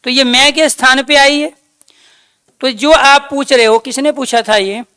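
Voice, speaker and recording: A woman teaching a grammar class, speaking slowly and dictating points, posing questions to her students and then answering them. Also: high-pitched, steady tone, a bit bright, clean tone, dry recording, clean studio sound. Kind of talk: online class lecture.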